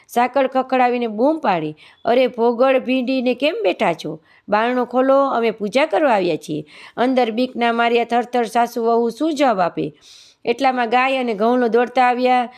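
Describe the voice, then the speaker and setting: A woman recites a devotional folk tale in a steady, measured way. Her voice sits a little on the high side, and her delivery is calm and even. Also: clear, resonant tone. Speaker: storyteller of a devotional channel. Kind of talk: devotional story reading.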